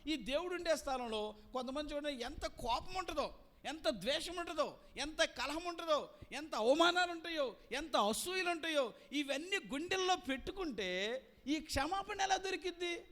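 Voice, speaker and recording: A man's voice: very high voice, animated, moderate pace, fairly bright tone. A male pastor preaching a sermon, building repetitive lists with rising emphasis and asking the congregation to repeat key words. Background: congregation present.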